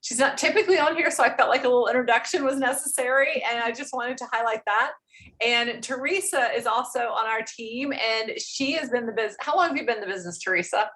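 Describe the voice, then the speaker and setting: A woman's voice: a little high, quick pace, sharp tone. A woman hosts an online team meeting, giving an informal welcome and introducing the speakers.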